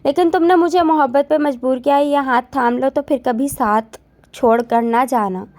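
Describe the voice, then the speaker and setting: Brief: woman reading a shy but firm schoolgirl, bright high voice, storybook. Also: fairly even intonation, normal speed, natural voice. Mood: tender. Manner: firm, guarded. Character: studious teenage girl, shy but firm.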